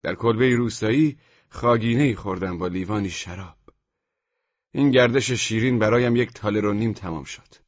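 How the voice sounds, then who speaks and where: Husky-voiced man reading a novel aloud. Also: on the low side, no room sound, dull audio. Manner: measured storytelling, with the dialogue lines acted out loudly. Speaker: audiobook narrator. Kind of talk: scripted literary narration.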